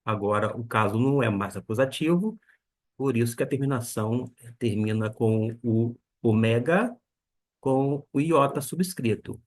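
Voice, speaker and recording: A man teaching a beginner lesson on Koine Greek, slowly spelling out each pronunciation. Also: mid-range voice. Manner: slow and deliberate, spelling out pronunciations.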